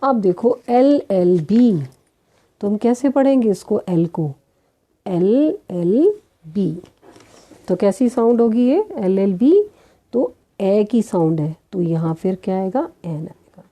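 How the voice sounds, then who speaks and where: Patient woman teaching with a very dark voice. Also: medium pitch, animated, unhurried. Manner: patient, questions students and answers herself; addresses students as children. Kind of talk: grammar lesson for students.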